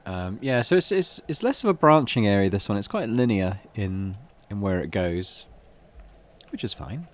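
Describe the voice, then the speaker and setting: A middle-aged man hosts a game playthrough, chatting casually and reading the story text aloud. His voice sits on the low side with lively intonation at a normal speed.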